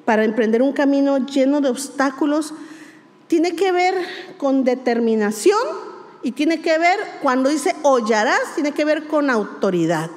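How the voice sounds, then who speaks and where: Her voice high and a little mellow, a woman pastor delivers an emphatic sermon at an unhurried pace with lively intonation. She leans on repeated key words and rhetorical questions, and long hall reverb fills the recording.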